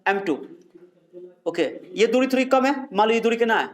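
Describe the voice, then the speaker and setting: Male physics teacher, high voice, strict classroom lecture in Hindi with English terms. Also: animated, fairly quick. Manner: scolds and quizzes students, mixing Hindi and English terms. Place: classroom with students.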